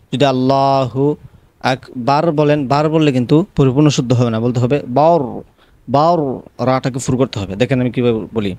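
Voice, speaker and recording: A man teaching how to pronounce the call to prayer, spelling it out letter by letter and then chanting it in long, drawn-out melodic phrases. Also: medium pitch, a little mellow, no room sound. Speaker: azan pronunciation teacher. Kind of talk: recitation lesson.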